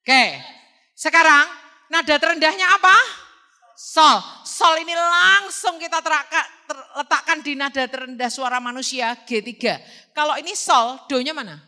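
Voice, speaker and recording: A woman teaching a music class, singing solfege examples between brisk explanations. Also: sits high, sharp tone.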